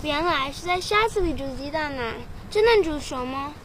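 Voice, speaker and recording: A woman's voice: high voice, expressive, moderate pace, fairly bright tone, slight background noise. A woman playing an eager, curious young girl touring with her father in a teaching drama. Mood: excited.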